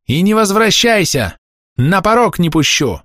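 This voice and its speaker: A man voicing a lamenting, cursing old village woman with a whiny, shrill voice. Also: big pitch swings, measured pace, fairly bright tone, no echo, studio quality, heavily acted. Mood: scolding.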